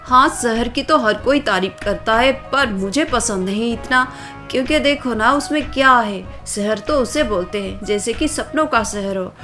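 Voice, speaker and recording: A woman's voice: on the high side, sharp tone. A woman playing a spoiled snobbish rich girl. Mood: snooty. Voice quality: boastful, dismissive, drawn-out complaining. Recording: faint background music.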